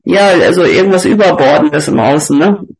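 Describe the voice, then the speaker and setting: A man's voice: on the high side, brisk, gravelly. A man talking hesitantly in an online group session, often checking for agreement, heard through an overdriven, scratchy computer microphone. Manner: hesitant, seeking agreement with tag questions. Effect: overdriven, scratchy clipping microphone. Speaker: participant in a spiritual group session. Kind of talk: casual online group talk. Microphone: poor computer microphone.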